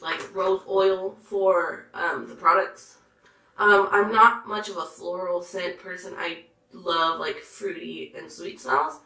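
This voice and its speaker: A hoarse, congested woman talking in a chatty, gushing way, reviewing makeup. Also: lowish voice, sharp tone, reverberant, a little hiss or hum, low-quality recording. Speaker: beauty vlogger. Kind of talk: casual makeup review chat.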